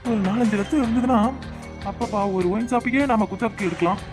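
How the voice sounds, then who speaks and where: A quick, mid-pitched voice of a greedy cartoon husband, as a performer puts him on, sweet-talking in the open and plotting money schemes under his breath. He talks with a southern Tamil accent from Tirunelveli, over faint music. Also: close to an everyday voice. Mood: scheming. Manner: wheedling aloud, plotting asides. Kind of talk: cartoon voice acting.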